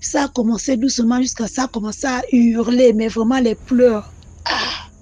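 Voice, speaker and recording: A woman recounts a personal mystical experience to the channel in lively, repetitive storytelling. Her voice sits high but sounds mellow and husky. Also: moderate pace, no room sound. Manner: animated, repetitive, addresses the channel directly. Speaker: caller sharing a personal story.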